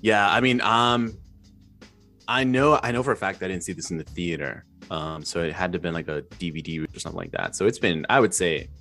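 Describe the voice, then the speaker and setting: A man's voice: sits low, brisk, sharp tone, soft background music. A man in a casual chat, easygoing and slangy, filling gaps with "like" and laughing now and then.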